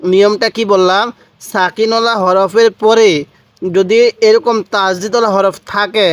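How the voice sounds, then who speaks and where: A man's voice: high voice, dry recording. A man teaching Quran letter reading step by step, patiently spelling out syllables and repeating them for the viewer. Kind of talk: step-by-step recitation lesson.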